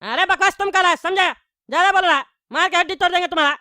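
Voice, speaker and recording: A woman's voice: high voice, fast, pushed and bright, faint music behind. A woman voicing a rude, hot-headed bald widower who rants with insults and threats. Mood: angry. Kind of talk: cartoon voice acting.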